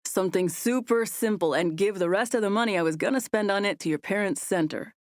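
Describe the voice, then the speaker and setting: A woman voicing a tender, playful young man in love, speaking gently and earnestly. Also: mid-range voice, a little fast, dry recording, studio quality, natural voice.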